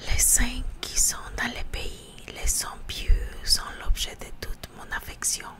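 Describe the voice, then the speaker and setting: A woman reading scripture aloud for ASMR in a hushed library whisper, halting now and then to repeat words. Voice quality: hushed library-style whisper, mostly unvoiced.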